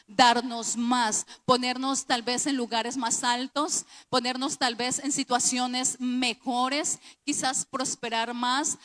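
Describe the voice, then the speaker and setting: A Colombian woman pastor preaches with a high voice. She talks to her listeners directly and earnestly, asks them rhetorical questions, and keeps a conversational tone through the sermon. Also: a bit bright. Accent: Colombian Spanish.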